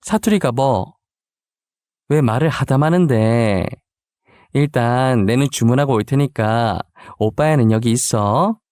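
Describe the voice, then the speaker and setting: A man's voice: medium pitch, unhurried, darkish tone, dry recording, studio quality, close to an everyday voice. A man voicing a playful, forgetful young woman about to be married, who talks casually and teasingly. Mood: playful dialect. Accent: Busan dialect in some lines.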